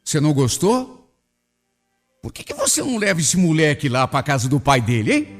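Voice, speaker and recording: A man's voice: fairly high pitch, wildly swooping pitch, a little fast, in a large hall, faint music behind. A man voicing a scornful, coarse middle-aged husband who talks in a mocking, dismissive way.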